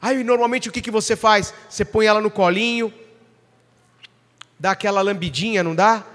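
Male preacher, high voice, emphatic sermon delivery with questions to the congregation, long hall reverb. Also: steady tone, normal speed, a bit bright.

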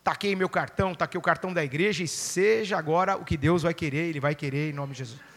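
A Brazilian man preaches to his congregation, moving between animated storytelling and earnest appeals. His voice is high and bright, and it rings out with a long reverb from the church hall. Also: fast talker. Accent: Brazilian Portuguese. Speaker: pastor. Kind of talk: sermon with storytelling.

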